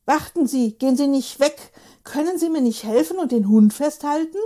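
A woman voicing a flustered man in a read-aloud story, pleading and calling out in excited bursts. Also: sits high, moderate pace, pitched above the performer's own voice, natural voice. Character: flustered man chasing his dog, excitable.

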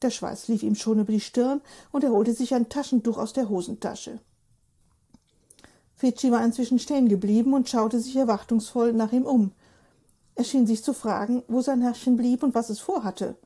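A woman reads a story aloud with lively, expressive narration. Her voice is mellow and warm, sitting a little high. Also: moderate pace, breathy edge. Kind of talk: audiobook narration.

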